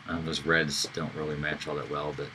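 Deep-voiced man walking through a tutorial. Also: level tone, a little fast, bright, forceful tone, a little hiss or hum, rough recording. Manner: casual, with fillers and self-corrections. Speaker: instructor. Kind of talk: screen-recorded software tutorial.

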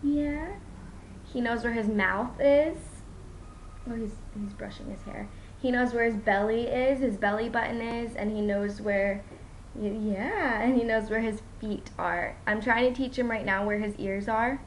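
A woman's voice: fairly high pitch, fairly even intonation, moderate pace, a little hiss or hum. A young mother giving a casual home video update about her toddler, chatty and rambling with many ums, tired after a poor night's sleep. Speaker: young mom vlogger.

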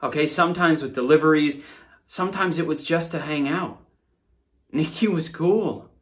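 A man in his thirties playing an earnest, rattled young delivery driver under interrogation, pleading and halting in a naturalistic screen-drama style. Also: on the high side, lightly acted. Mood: earnest, uneasy. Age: 30s. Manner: pleading, halting, repeats words. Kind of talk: naturalistic screen acting, audition read. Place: small indoor studio against a backdrop.

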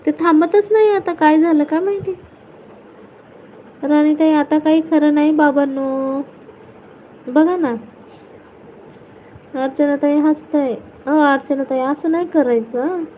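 A woman's voice: high voice, dull audio, a little hiss or hum. A woman hosting a casual live stream, greeting viewers by name and teasing them playfully.

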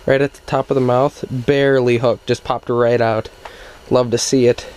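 A man's voice: medium pitch, flat delivery, moderate pace, darkish tone, slight background noise. A young man hosting a casual fishing vlog, upbeat and coaching his cousin with short repeated cheers, recorded on an action camera inside a small ice shelter. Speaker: outdoors channel host.

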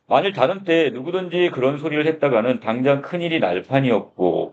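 A man's voice: mid-range voice, a little mellow, a little hiss or hum. A male teacher reading a story aloud and explaining its phrases, asking his class questions as he goes. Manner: explanatory, asks the class questions, begins lines with "자". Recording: dull lo-fi recording.

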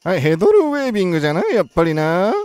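A game streamer calling competitive battle moves play by play, excitable and talking through each decision aloud in a playful old-man way of speaking. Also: mid-range voice, very fast, clear, resonant tone, no room sound, soft background music.

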